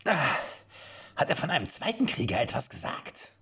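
A man's voice: medium pitch, wildly swooping pitch, extremely slow, vocal fry, pushed and bright, husky, voice pushed up, full character voice. A man voicing a scrawny, spiteful mercenary with a squawky, lurking voice. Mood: sly. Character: sly scrawny male mercenary, rat-faced and spiteful. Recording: dull lo-fi recording.

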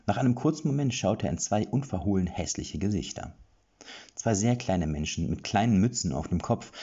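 A man narrating a fantasy story in an expressive audiobook style, on slightly muffled audio. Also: low voice, husky.

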